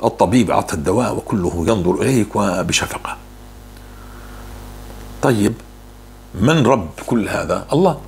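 A man's voice: lowish voice, expressive, normal speed, vocal fry, long pauses, a little hiss or hum. A man answering religious questions, fervent and repeating words for emphasis. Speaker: religious speaker.

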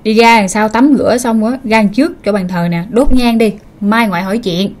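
A woman voicing an elderly grandmother who speaks gently and matter-of-factly. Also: on the high side, a little fast, natural voice. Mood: calm. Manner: gentle, matter-of-fact instructions. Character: calm, knowing elderly grandmother.

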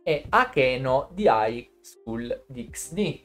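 A man's voice: medium pitch, very animated, slow, a bit bright, soft background music. A man co-hosting a casual live stream, explaining anime series at length in a chatty, informal way. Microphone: streaming setup microphone.

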